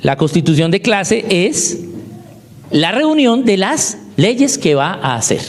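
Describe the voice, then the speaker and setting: A man's voice: sits high, very animated, slow pace. A man giving a teaching talk on homeschooling, who keeps checking in with his listeners through short rhetorical questions. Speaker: homeschooling speaker.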